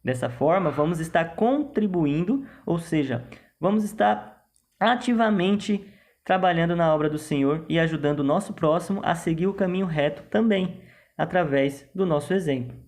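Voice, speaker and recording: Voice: mid-range voice, lively intonation, normal speed, a little mellow. A presenter with a Brazilian accent reads a scripted educational lesson for children, addressing the young listeners directly in a didactic way.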